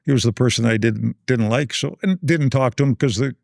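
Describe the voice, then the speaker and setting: A man in his sixties from Canada, a guest telling animated anecdotes in a casual interview and acting out other people's lines. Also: mid-range voice, fairly quick, gravelly, no room sound, studio quality.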